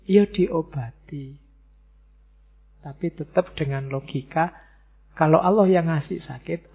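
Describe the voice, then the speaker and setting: A man's voice: a little high, vocal fry, husky. A man giving a casual religious philosophy lecture in a mosque, talking conversationally and teasing his audience with rhetorical questions. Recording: tinny phone-like lecture recording.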